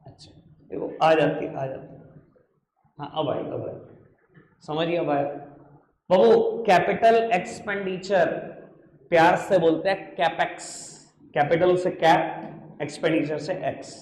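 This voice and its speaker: High-voiced, playful male accounts teacher. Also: a little slow, pauses often, a little mellow. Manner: playful, coaxing, calls students affectionate nicknames. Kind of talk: classroom lecture. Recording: echoey room with faint noise.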